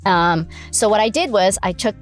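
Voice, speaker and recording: A woman born in Malaysia talks through her story in a relaxed interview, her voice at a middle pitch for a woman. She tells it animatedly and slips into her own remembered lines. Faint music sits under her voice. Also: moderate pace. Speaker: restaurant owner, pitmaster. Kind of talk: casual interview chat.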